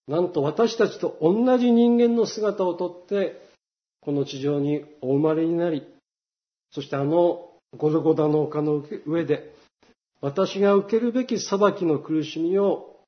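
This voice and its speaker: A man preaching a sermon as a pastor, earnest, swelling louder on key words. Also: fairly high pitch. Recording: dull lo-fi recording.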